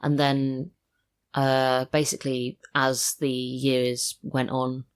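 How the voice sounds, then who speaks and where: A British woman, an audio drama writer and voice actor, chats casually and reflectively as a podcast guest in a studio, sharing anecdotes about her work in an interview. Her voice is rumbling low and clean-toned, with a flat, slow delivery.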